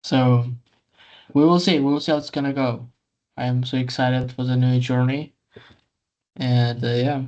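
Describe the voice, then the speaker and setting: A man's voice: medium pitch, fairly even intonation, normal speed, long pauses, a little mellow. A man in his early twenties chatting on a podcast, thoughtful and a little hesitant as he speaks. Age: 20s. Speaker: podcast co-host. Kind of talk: casual podcast chat. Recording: dull, muffled lo-fi audio.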